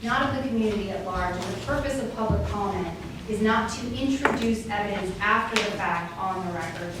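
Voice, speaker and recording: Sex: woman. Role: attorney. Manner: argumentative, stammering. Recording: far-off, very echoey hall, loud background noise. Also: medium pitch, brisk. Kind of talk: legal objection at a hearing. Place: township meeting room.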